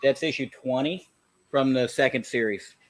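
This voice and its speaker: A man's voice: medium pitch, normal speed. Hesitant man chatting casually. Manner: hesitant, stammering restarts. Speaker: comic collector hosting a livestream. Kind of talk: casual chat.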